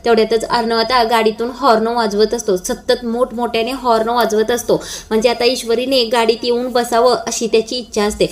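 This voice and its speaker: A woman's voice: on the high side, level tone, brisk. A woman giving a voice-over recap of a TV serial episode, retelling it with frequent hesitations.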